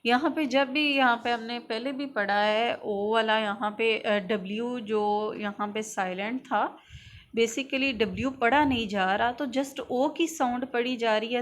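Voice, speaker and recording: A woman teaching a phonics lesson, slowly sounding out letters and words one by one. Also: a little high.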